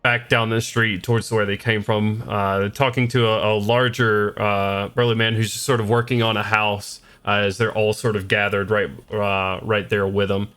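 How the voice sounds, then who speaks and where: A man with a fairly low voice runs a tabletop game. He improvises the narration haltingly, searching for words, over soft music. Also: flat delivery, clear, resonant tone. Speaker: game master.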